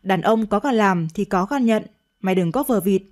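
A woman's voice: medium pitch, normal speed, a little mellow, lightly acted. A woman reading a radio story, voicing a stern, angry elderly father who scolds his daughter harshly. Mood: scolding.

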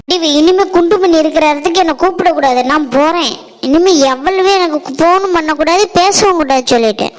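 A woman's voice: very high-pitched, a little fast. A woman voicing an offended village woman in a cartoon, who answers curtly and refuses to talk. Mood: huffy. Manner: curt, huffy. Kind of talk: cartoon voice acting.

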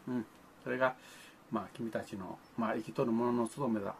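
An older man chats to young viewers in an old-fashioned, grandfatherly manner, dropping in playful sound effects. His voice sits at an ordinary middle pitch, with a faint hiss in the background. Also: steady tone, a little fast, creaky. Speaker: vlogger talking to children. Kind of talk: folksy monologue to the camera.

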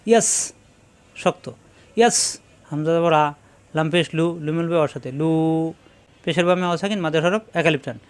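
Man, Quran reading teacher, Bangladeshi Bengali accent, smooth clear voice, slightly high, syllable-by-syllable spelling, slow chanted recitation. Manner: spells each syllable then chants the joined words in a drawn-out tune. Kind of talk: slow letter-by-letter recitation lesson.

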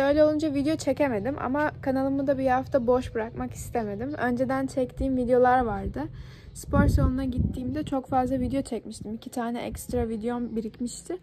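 A woman's voice: high-pitched, fairly even intonation, fairly quick, noisy background. A young woman vlogger talking casually and explaining a workout step by step in an instructive, slightly self-deprecating way. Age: young adult. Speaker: fitness vlogger.

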